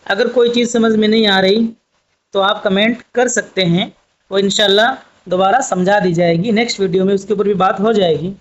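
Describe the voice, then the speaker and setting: Man, language teacher, patient, spells letters out, slow, dull lo-fi sound. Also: high-pitched, a bit bright. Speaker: Urdu teacher. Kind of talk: slow spoken writing lesson.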